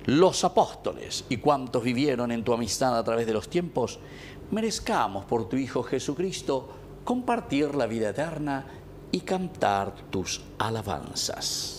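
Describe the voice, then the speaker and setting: A middle-aged man with a Paraguayan Spanish accent, a priest reciting the prayers of Mass in a small indoor chapel with solemn, measured, drawn-out phrasing. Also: mid-range voice, slight background noise. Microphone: fixed camera at the altar.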